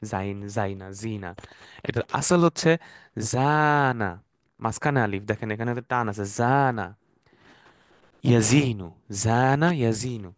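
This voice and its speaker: A man's voice: lowish voice, no room sound, clean studio sound. Patient male Arabic teacher. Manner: patient, repeats words slowly, mixes English terms. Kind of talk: explanatory online class.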